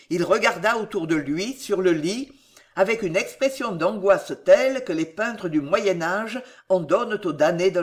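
A man narrating a historical novel in a solemn, measured reading. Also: high voice.

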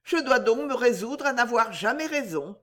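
A man voicing a sad, ailing young married woman who reproaches her cousin gently and then sharply, in a storybook reading. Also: very high-pitched, animated, normal speed, pitched above the performer's own voice. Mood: indignant.

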